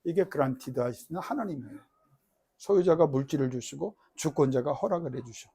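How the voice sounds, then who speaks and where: A middle-aged male pastor preaching in a high voice. He moves between loud, crying-out prayer and soft, low asides. He keeps asking the congregation questions and has them repeat lines after him. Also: a little fast, husky. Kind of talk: sermon.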